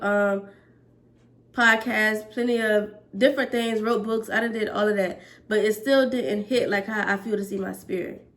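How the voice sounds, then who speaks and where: A woman's voice: mid-range voice, a bit bright. A woman in her twenties, a hair braider, talking earnestly to camera about faith and work in a preachy, list-building way. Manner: earnest, preachy, speaks in repeated lists. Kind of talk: casual faith-based monologue to camera.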